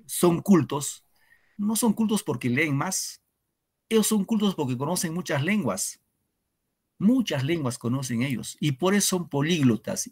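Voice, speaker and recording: A Peruvian man with a husky, somewhat high voice teaches an online literature class to secondary students. He is earnest and reflective, often posing rhetorical questions.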